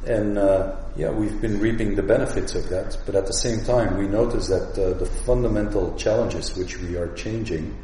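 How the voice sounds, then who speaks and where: A Flemish man with a low, dark voice answers interview questions thoughtfully, pausing and restarting often. He sits some way back from the mic in an office, so the sound is roomy and distant, with faint room noise behind him. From Belgium, Flemish part. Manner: thoughtful, halting, many fillers and restarts. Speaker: guest, agency director. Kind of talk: radio interview.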